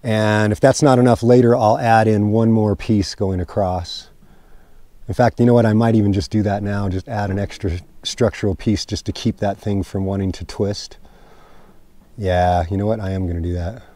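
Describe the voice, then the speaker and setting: A middle-aged homestead vlogger stands outdoors on open rural land, explaining a job to the camera in a casual, plain-spoken, informal manner. His voice is lowish and dark in tone, steady and moderately paced. It was captured with a clip-on mic and a handheld camera.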